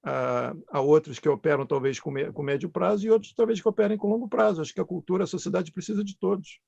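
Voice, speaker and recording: Creaky man, halting explainer. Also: sits high, a little mellow, dry recording. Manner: halting, searching for words. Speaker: panel guest, artist. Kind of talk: thoughtful explanatory answers. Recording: dull, close, dry sound.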